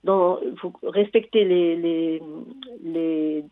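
A woman's voice: lowish voice, steady tone, extremely slow, no echo. An older woman calling in to a radio show over the phone, hesitant and often restarting as she gives cooking advice. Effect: phone line. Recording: tinny phone line.

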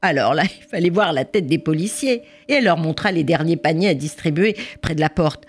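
A woman telling a story in French-language oral storytelling style, animated, with hesitations. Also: low voice, brisk, slightly rough.

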